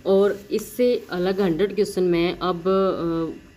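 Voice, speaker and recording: A woman teacher giving an exam-prep lecture. She explains in Hindi and reads the English questions aloud slowly, often checking in with her listeners and correcting herself as she goes. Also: lowish voice, steady tone, mellow, poor audio. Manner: frequent self-corrections and "theek hai" check-ins.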